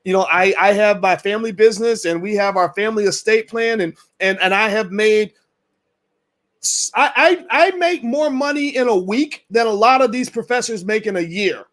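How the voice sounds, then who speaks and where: Man, high-pitched, hoarse from losing his voice, emphatic, repeats himself. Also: moderate pace, fairly bright tone. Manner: emphatic, repeats words and restarts, colloquial. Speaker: host. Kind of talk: casual direct-to-camera talk.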